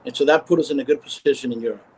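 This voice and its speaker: A man of medium pitch, speaking over a video call with a faint hiss behind him. He tells his stories with animation, stumbling and restarting phrases as he goes. It is relaxed, casual storytelling. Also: racing, rough recording. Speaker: cigar company founder. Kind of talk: casual storytelling in a live interview.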